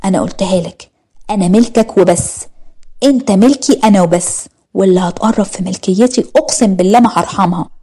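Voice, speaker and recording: A jealous, fiery young wife in an audio story, voiced by a woman. She speaks emphatically and pleads with an Egyptian accent. The delivery is fast, the tone warm and husky. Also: medium pitch, lightly acted. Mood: pleading. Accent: Egyptian Arabic.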